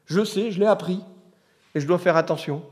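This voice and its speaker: A man's voice: high-pitched, fairly quick, darkish tone. A middle-aged man preaching a sermon in a conversational way, telling personal stories and rising to emphatic bursts. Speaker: pastor.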